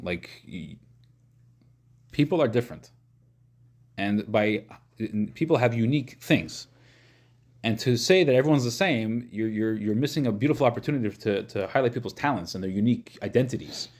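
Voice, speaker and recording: A man's voice: fairly low pitch, darkish tone. Questioning male rabbi teaching informally. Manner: questioning, checks in with listeners using short questions. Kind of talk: informal religious lesson, explaining and translating.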